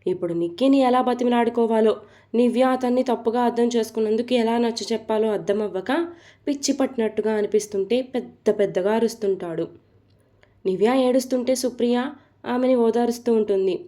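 A woman narrating a serial romance story in a steady, plain manner. Her voice is somewhat high and mellow. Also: brisk.

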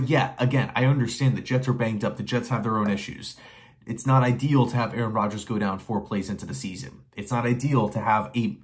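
A young man talking into a desk camera in a small bedroom, heated and emphatic as he builds his case. His voice sits at an ordinary middle pitch and he stacks up rhetorical questions and repeated lines to hammer his point home. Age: young adult. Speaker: sports commentary vlogger. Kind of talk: opinionated solo commentary to camera. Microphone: webcam or phone facing him at desk.

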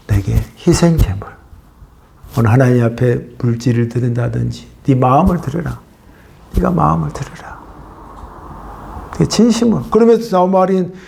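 A male pastor preaching a sermon, swinging between loud emphatic bursts and hushed whispers. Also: a little high, creaky.

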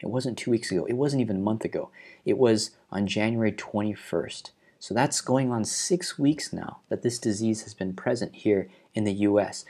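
Sitting indoors at home, this twentysomething Hawaiian video host walks viewers through current news with earnest explanation, emphasizing the important figures. He speaks at a moderate pace in a lowish, darkish voice that's slightly rough.

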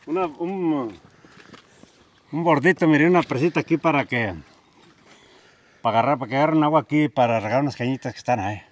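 A man's voice: a little high, fairly quick, long pauses. A man with a Mexican Spanish accent, a rural laborer speaking outdoors in a plain-spoken, rambling way in a casual interview. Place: outdoors at a small dam.

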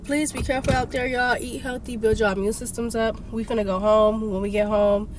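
Against a noisy background, a young vlogger with a fairly high, steady voice talks fairly quickly from a parked car. Congested and ill, she animatedly tells a story and rants, filmed on a phone camera on the dashboard.

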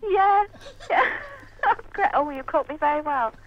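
A woman's voice: high voice, expressive, a little slow, a little hiss or hum. A woman talking politely on a telephone line, hedging her words with frequent "I mean". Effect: heard over a telephone line. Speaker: prank call target. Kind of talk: casual phone conversation.

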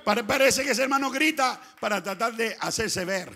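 A man with a Chilean accent preaching a fervent sermon in a church, often shouting and swinging between loud bursts and quiet asides. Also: very high voice, lively intonation, normal speed, creaky. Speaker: pastor. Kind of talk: Pentecostal sermon.

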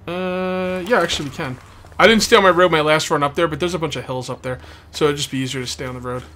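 A fast-talking host of a video game let's play series narrates his play casually and ramblingly, repeating himself while dealing with a sore, bitten tongue. His voice is fairly high, pushed, and bright, set against game ambience and background noise.

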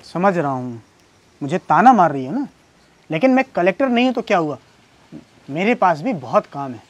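A man's voice: high voice, very animated, normal speed. Sarcastic man in a comedy sketch. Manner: dry, sarcastic quips, rising into exasperated rants. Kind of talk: scripted comedy sketch acting.

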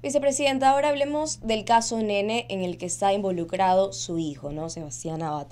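A young woman interviewing from a studio, asking a long question with many pauses and restarts. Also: medium pitch, a little mellow. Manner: hesitant, many fillers and restarts. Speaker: interviewer, news presenter. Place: red studio set.

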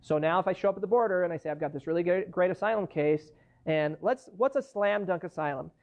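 Gravelly man lecturing in a classroom. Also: high-pitched, fast. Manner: conversational, explains with worked case examples. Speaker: immigration lawyer giving a guest lecture. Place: university lecture hall, standing at a lectern. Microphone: far camera in the room. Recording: dull lo-fi classroom recording.

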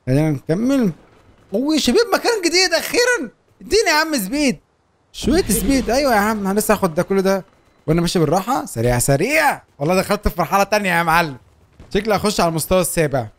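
A young man with an Egyptian Arabic accent, hosting a gameplay video in a fast, laughing banter. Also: sits high. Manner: animated, laughing, quick banter. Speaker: gaming YouTuber. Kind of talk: excited gameplay chat.

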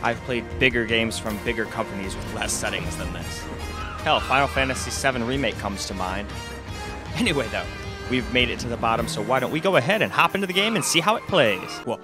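A man's voice: medium pitch, expressive, fairly quick. A man hosting a gaming channel, giving casual, rambling gameplay commentary in a laid-back, chatty way. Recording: game music behind the voice.

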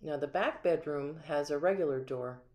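A low-pitched, mellow American woman narrates a walkthrough home tour from behind a handheld camera. She sounds upbeat and ticks off each feature in turn, in a small empty room. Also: normal speed. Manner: upbeat, lists features one by one. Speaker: community home tour guide.

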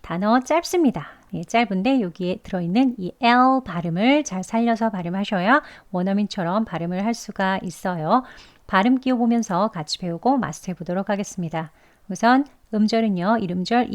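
A woman teaching pronunciation as a host, explaining each sound patiently and demonstrating it slowly. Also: medium pitch. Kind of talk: pronunciation lesson.

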